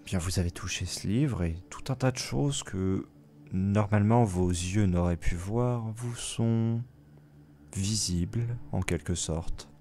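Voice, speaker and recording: A man voicing a mysterious, aloof watcher spirit that speaks slowly and quietly. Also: lowish voice, slight background noise. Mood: hushed, enigmatic. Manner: slow, hushed, measured.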